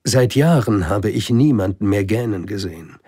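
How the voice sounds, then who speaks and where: A man voicing a pompous old king in a storybook, giving loud commands. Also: lowish voice, animated, moderate pace, husky, dry recording, clean studio sound, pitched above the performer's own voice. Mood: commanding. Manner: commanding, declaiming orders. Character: pompous old king, bossy but kindly.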